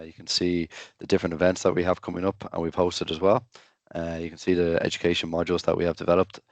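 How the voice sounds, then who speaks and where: A deep-voiced man introduces a session on a video call. His delivery is matter-of-fact and hesitant, with very little melody. The sound is dry and close. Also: dry recording. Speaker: webinar host. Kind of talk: informal project introduction.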